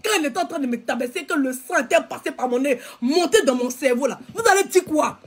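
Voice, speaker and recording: A woman's voice: high voice, quick pace. A woman with an Ivorian French accent giving a heated, repetitive rant that scolds her viewers. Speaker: social media commentator. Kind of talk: angry live video rant.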